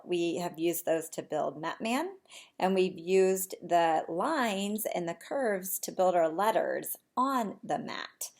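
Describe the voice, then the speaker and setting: Reading a picture book to little kids, this woman preschool teacher is expressive and sing-song, frequently putting questions to them. Her pitch is fairly low and her voice gravelly.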